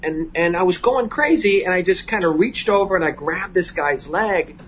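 A man telling an animated anecdote in an interview, with many fillers and restarts. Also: high voice, normal speed, lo-fi sound, a little hiss or hum. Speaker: guest, diamond business owner. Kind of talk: storytelling in an interview.

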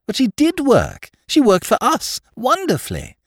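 A man voicing an eager, gushing young woman activist in a storybook reading, high and breathless. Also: wildly swooping pitch, moderate pace, dry recording, clean studio sound, full character voice.

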